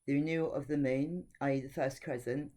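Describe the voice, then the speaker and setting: With a rumbling low, dark voice held steady, a woman talks a little fast through an informal devotional teaching. She reads scripture aloud and preaches earnestly, not holding back her frank opinions.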